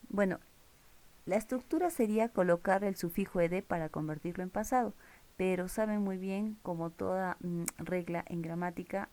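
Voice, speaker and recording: A woman's voice: fairly low pitch, a little mellow. A woman teaching English grammar in a recorded lesson, explaining rules step by step and checking in with her viewers. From Peru.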